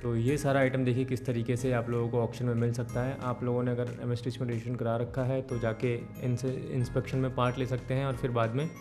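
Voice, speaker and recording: A young man in his twenties hosting his channel, explaining to camera with a steady, brisk delivery that mixes in English words. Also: mid-range voice. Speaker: channel host. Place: indoor studio with green backdrop. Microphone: desk microphone in front.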